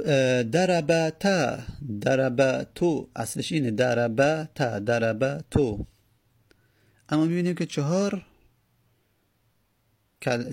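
A man teaching a grammar lesson, explaining slowly and repeating word forms as he spells them out. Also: medium pitch, darkish tone. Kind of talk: Arabic grammar lesson in Persian.

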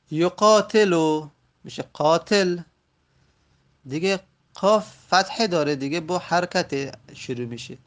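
Man teaching grammar, slow repetitions. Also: on the high side. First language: Persian. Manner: slow, drawn-out repetition of example words. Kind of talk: classroom grammar lesson.

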